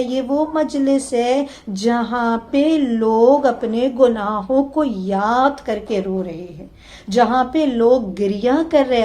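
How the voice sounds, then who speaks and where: A woman lecturer giving a religious sermon, telling a story and mixing English words into Urdu, ending in a slow, soft prayer. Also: high-pitched.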